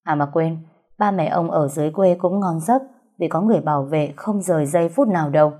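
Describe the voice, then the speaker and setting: A woman reading an audiobook, voicing a ruthless young male gangster who speaks flatly and without care. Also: low-pitched, a little fast. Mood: cold. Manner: flat, even, unbothered delivery.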